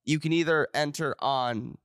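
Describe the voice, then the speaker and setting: A man's voice: fairly high pitch, moderate pace, fairly bright tone, smooth, no echo, clean studio sound. Rambling young man telling a story. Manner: rambling storyteller, heavy filler words. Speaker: podcast co-host. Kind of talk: casual podcast chat.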